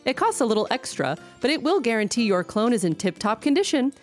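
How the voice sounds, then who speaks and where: An actress voicing a perky phone hold announcer with an upbeat sales pitch. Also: female voice, big pitch swings, fast, soft background music.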